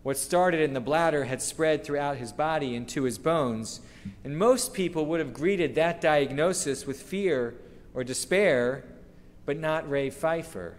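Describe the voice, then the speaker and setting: Middle-aged male rabbi, earnest measured sermon, slightly high voice, lectern mic in a big sanctuary with long reverb. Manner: measured, earnest preaching with slow emphatic phrases. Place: synagogue sanctuary, standing at a wooden lectern. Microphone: lectern microphone. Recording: long reverb of a large hall.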